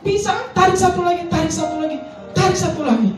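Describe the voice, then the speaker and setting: A woman's voice: very high-pitched, fast talker, far from the mic, a little hiss or hum. A woman pastor preaching a sermon, telling a personal testimony with pleading, sometimes sing-song prayers. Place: large church hall. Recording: echoey church hall from afar, faint music.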